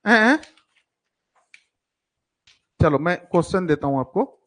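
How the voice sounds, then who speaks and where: A man's voice: high-pitched, sing-song, a little slow, fairly bright tone. A man teaching children math in a live online class, coaxing and teasing his pupils and mixing English terms into his talk. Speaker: coaching teacher for school entrance exams.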